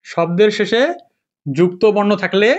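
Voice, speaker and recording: A high-pitched young man teaches an informal spoken lesson at a moderate pace, repeatedly quizzing his students with the same questions. The recording quality is dull and lo-fi.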